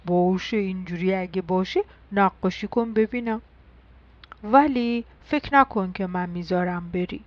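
A woman's voice: medium pitch, highs cut off, pitched below the performer's own voice, natural voice. A woman voicing a hungry, greedy male mouse in a children's story, eager and insistent. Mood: smug.

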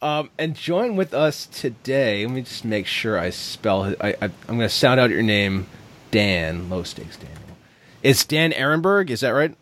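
A man's voice: medium pitch, lively intonation, moderate pace, few pauses, fairly bright tone. Rambling, jokey male podcast host. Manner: rambling, self-correcting, jokey. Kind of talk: casual podcast chat.

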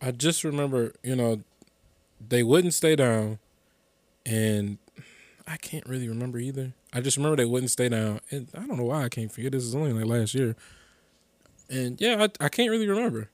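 A man's voice: medium pitch, animated, darkish tone, no echo. A young man, a podcast guest, chatting casually and often repeating words as he tries to remember. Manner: halting, repeats words while recalling. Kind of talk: casual chat.

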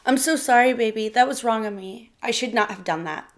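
A woman reading a short story, voicing an abusive, controlling man with a rough, commanding manner. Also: medium pitch, normal speed, lightly acted. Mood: pleading.

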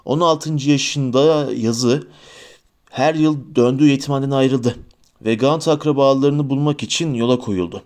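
A man's voice: medium pitch, measured pace, a little mellow. Man narrating a fantasy novel. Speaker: audiobook narrator.

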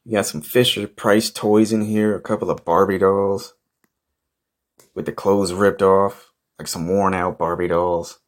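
A man's voice: sits low, steady tone, a little slow. A man hosting a comedy podcast, delivering an improvised monologue in a profane, exasperated, grumbling manner.

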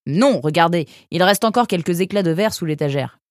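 A woman's voice: on the low side, brisk, dry recording, studio quality, close to an everyday voice. A woman voicing an eager young male creature who stammers with many hesitations, in a storybook reading. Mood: eager stammering. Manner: stammering with many "euh", excitable.

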